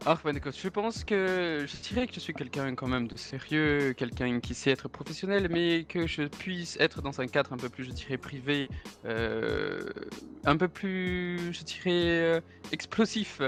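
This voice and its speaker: Here a 33-year-old German man plays a smooth-talking property agent fond of parties. His voice sits a little high with a fairly bright tone and lively intonation, and he goes a touch slowly. He is courteous and talkative, formal yet hesitant, using a German accent, fillers and German interjections over gentle background music.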